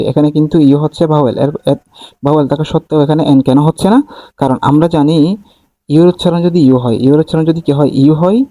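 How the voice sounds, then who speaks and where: A man's voice: on the high side, mellow, no echo, poor audio. A man teaching an exam-prep grammar lesson, patiently repeating key points and asking the class questions that he answers himself. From Bangladesh. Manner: asks the class questions and answers them, says "ঠিক আছে?" again and again.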